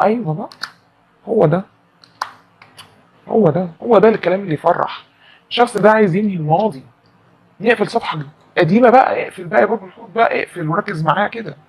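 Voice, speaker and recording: A woman's voice: on the low side, quick pace, pauses often, slightly rough. A woman with an Egyptian Arabic accent giving a chatty, emphatic tarot reading to camera and repeating her phrases. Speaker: tarot reader.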